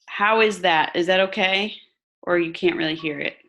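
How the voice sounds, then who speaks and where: Woman, lowish voice, meditation leader, informal and instructional. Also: normal speed, fairly bright tone. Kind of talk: casual chat with a group before a meditation; slow guided meditation from line 81.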